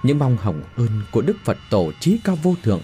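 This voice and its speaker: A man's voice: medium pitch, brisk, soft background music. A man narrating a dramatic ghost folk tale. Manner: dramatic, expressive storytelling.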